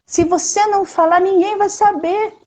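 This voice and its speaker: A woman with a Brazilian Portuguese accent talking in a casual live stream, expressive and emphatic, speaking straight to her audience. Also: extremely high pitch, normal speed.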